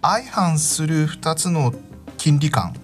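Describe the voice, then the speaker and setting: Animated male financial commentator over music. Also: on the high side, slow. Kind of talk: conversational market commentary. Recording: music behind the voice.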